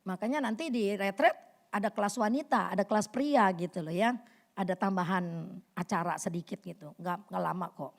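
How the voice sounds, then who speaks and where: A woman's voice: moderate pace, gravelly. A middle-aged woman giving a casual sermon at a women's fellowship, telling anecdotes and acting out voices in them. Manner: lively storytelling, acts out voices with big pitch jumps.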